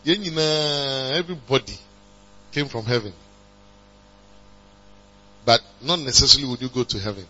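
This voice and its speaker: A man preaching a sermon, calling on the congregation to respond and building to emphatic high passages. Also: normal speed, pauses often, bright, forceful tone. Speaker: pastor. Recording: dull lo-fi recording with mains hum.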